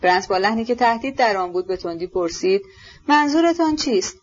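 A woman reading a classic novel aloud as an audiobook narrator, in a measured storytelling manner. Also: mid-range voice, muffled recording. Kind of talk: scripted literary narration.

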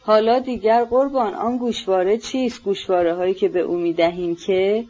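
A woman voicing a fawning, clownish middle-aged clerk who talks in a flattering, fussy and emphatic way, in an audiobook. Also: mid-range voice, highs cut off, natural voice.

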